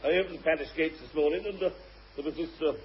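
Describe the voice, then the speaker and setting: A man's voice: a little high, quick pace, natural voice. A man playing a flustered palace official in a pantomime, calling out and announcing like a fussy royal herald. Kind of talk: pantomime stage comedy acting. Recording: muffled, very noisy stage recording.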